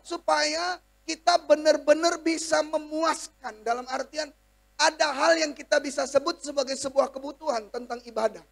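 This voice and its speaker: Male pastor with an Indonesian accent, very high voice with gravel, storytelling sermon delivery. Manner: storytelling preacher, acts out quoted voices, swings from soft to loud.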